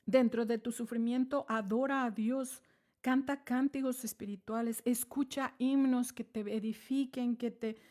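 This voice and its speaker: Speaking a little slowly, in a warm, slightly high voice with fairly even intonation, this women's ministry speaker offers a devotional teaching to fellow women. Her plea is earnest, and she repeatedly calls the listener "sister."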